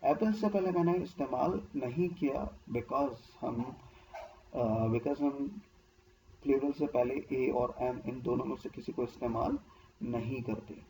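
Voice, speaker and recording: A male teacher walks through a grammar lesson at an unhurried, deliberate pace. He explains each point patiently and keeps checking in with the listener. A faint hum of room ambience sits under his voice. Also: medium pitch, warm tone, poor audio. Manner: slow, patient explaining, often checking with "ठीक है". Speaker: English teacher.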